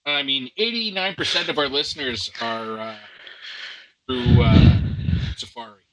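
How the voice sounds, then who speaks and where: A man acting as game master, recapping a tabletop adventure with relaxed, filler-heavy banter. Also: mid-range voice, measured pace, dry recording, low-quality recording.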